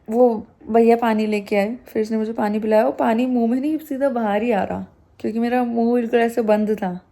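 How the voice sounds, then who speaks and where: Young female vlogger with a high voice, chatty and animated, retelling an event. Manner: animated retelling, acting out what others said. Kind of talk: casual storytelling to camera.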